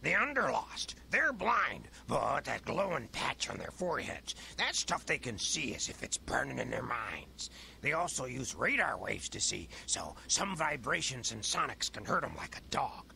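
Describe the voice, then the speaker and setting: Creaky, excitable crazy old hermit miner. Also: male voice, mid-range voice, moderate pace, full character voice. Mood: emphatic, explaining. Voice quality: creaky, cracked old-man voice. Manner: folksy, rustic speech. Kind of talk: video game character acting. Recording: game audio with background noise.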